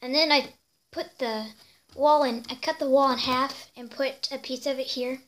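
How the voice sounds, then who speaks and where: A woman's voice: high voice, fairly even intonation, normal speed, fairly bright tone. A girl casually showing off her toy horses in a vlog, rambling and chatty with frequent fillers and little squeals, filmed indoors at home on a handheld camera. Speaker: toy horse collector vlogger. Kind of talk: casual show-and-tell vlog.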